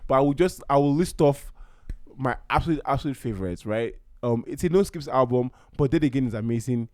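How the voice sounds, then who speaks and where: A man's voice: mid-range voice, lively intonation, a little fast, a little mellow, no room sound, studio quality. A young man from Nigeria hosting his own podcast in a casual, heartfelt way, rambling and often restarting his sentences. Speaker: podcast host. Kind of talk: casual solo podcast talk.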